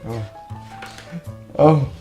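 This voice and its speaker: A man's voice: extremely slow, dark tone, faint music behind. A teenage young man from California reading a children's book aloud, with dry, self-mocking asides. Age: late teens.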